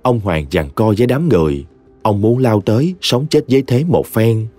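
A man narrating a short story in a dramatic, expressive audiobook reading. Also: on the low side, normal speed. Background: soft music.

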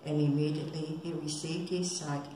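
Woman, scripture reader, low mellow voice, steady pace, very echoey room, faint hiss. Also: moderate pace. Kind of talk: Bible reading.

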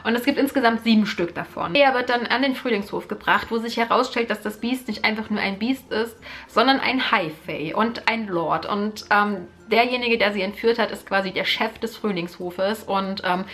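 A young German woman, a book vlogger, chats casually and enthusiastically about a book series in her medium-pitched, slightly bright voice. Sitting close to the camera in front of a sofa in her living room, she uses lots of fillers and repeated words.

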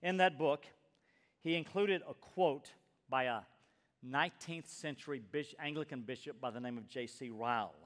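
An older man in his sixties preaching in a church, his voice pushing loud and urgent then dropping almost to a whisper. The sound hangs in a long reverb from the hall, and his pitch sits in an ordinary middle range. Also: moderate pace. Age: 60s. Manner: emphatic, swings from loud urging to hushed near-whisper. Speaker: pastor. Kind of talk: sermon. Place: church sanctuary.

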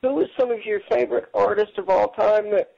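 Gravelly-voiced upbeat male radio host. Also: high voice, steady tone, brisk, dark tone, dull audio. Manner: upbeat, full of praise. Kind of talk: casual radio interview.

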